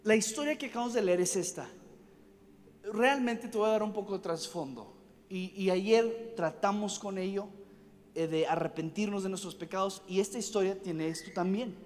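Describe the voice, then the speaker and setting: A man's voice: high-pitched, moderate pace. A young man preaching a storytelling sermon at a conference. He rambles from one anecdote to the next, jokes and acts out voices. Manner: animated, rambling, jumps between stories. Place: conference hall stage. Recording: reverberant hall, faint ambience.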